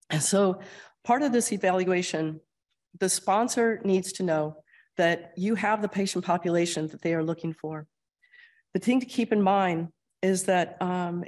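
Recovering from a cold and losing her voice, a woman with an Upper Midwest American accent delivers a conversational grand rounds lecture with slides, clearing her throat often. She's a clinical research administrator whose explanatory delivery is full of ums. Her voice sits on the low side with a darkish tone.

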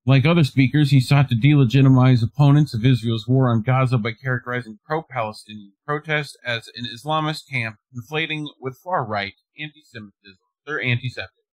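A man's voice: medium pitch, fairly quick, few pauses, darkish tone, no echo, poor audio. Dry-voiced man reading news with wry asides. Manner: reads articles, breaks off with laughs and wry asides. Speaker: co-host. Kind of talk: reading news aloud and commenting.

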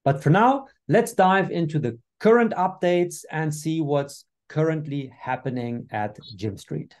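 Webinar host, man, upbeat delivery with fillers; slightly high, mellow voice, video call sound. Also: expressive, a little slow. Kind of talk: business webinar presentation.

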